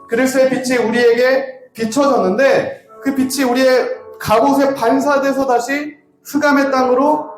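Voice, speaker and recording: A man preaches in a strikingly high voice, building into fervent, shouted prayer. His voice rings through an echoey church sanctuary. Instrumental music plays clearly behind him. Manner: impassioned, rising to shouted prayer.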